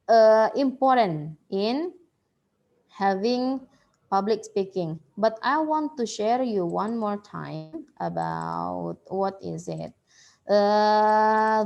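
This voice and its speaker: A woman leads a slide-based workshop at a slow, unhurried pace. Her pitch sits in the middle range, and she pauses often, filling the gaps with "uh" and a repeated "yeah" as she works through each point. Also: a little mellow, lo-fi sound. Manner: hesitant, many fillers and repeated "yeah". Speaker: workshop presenter.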